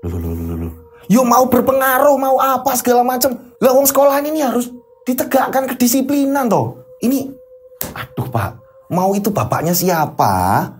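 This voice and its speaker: A man's voice: fairly high pitch, very animated, brisk, a little mellow. A man with a Javanese accent voicing a stern, short-tempered male schoolteacher who scolds and insists on discipline. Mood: indignant.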